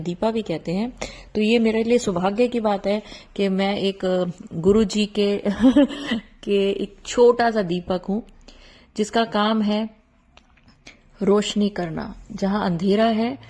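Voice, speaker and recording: A woman's voice: medium pitch, dark tone. A middle-aged woman hosting a devotional channel, talking earnestly and pleading with her followers.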